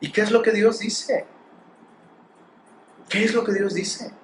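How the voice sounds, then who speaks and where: A man's voice: high voice, fairly even intonation, slow pace, echoey room, slight background noise. A man with a Mexican Spanish accent preaching a sermon, pressing his points with rhetorical questions and acted quotes. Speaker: pastor.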